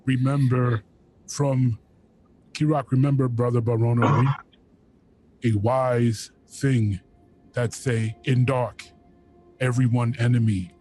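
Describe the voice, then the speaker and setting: A man puts on a gruff warrior who speaks in slow, broken phrases. His tone is dark and mellow, and the words come out loud and deliberate. Faint music plays underneath. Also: mid-range voice, fairly even intonation, lightly acted. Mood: earnest.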